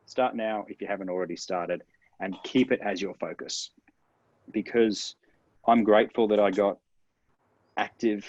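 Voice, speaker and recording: A man with a fairly low voice gives interview advice, laying things out step by step and leaning hard on the important words. The sound is dull and dry, with no room echo. He comes across as upbeat and practical. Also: a little mellow. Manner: upbeat, explanatory, stresses key words. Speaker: internet marketing guest expert.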